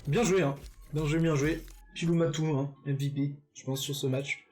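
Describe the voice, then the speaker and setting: Chatty male esports caster, higher voice. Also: fairly even intonation, darkish tone, soft background music. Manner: chatty, full of fillers and quick self-corrections. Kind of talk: live game commentary.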